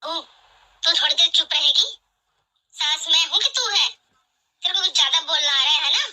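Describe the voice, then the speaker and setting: Woman playing a bossy mother-in-law, sharp and taunting, high piercing voice, cartoon drama. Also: moderate pace, rough recording. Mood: scolding. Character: bossy, scolding middle-aged mother-in-law. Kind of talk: animated family drama voice acting.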